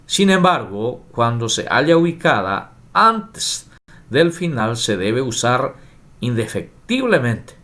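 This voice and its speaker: Slow, deliberate man teaching. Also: medium pitch, sing-song, fairly bright tone. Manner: slow, deliberate, reads rules and examples aloud. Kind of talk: spelling lesson.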